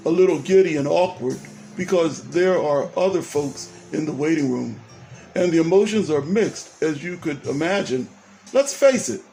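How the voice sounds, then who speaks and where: A man's voice: fairly high pitch, darkish tone. A man narrating a story aloud, speaking straight to the listener and posing questions. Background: faint guitar music.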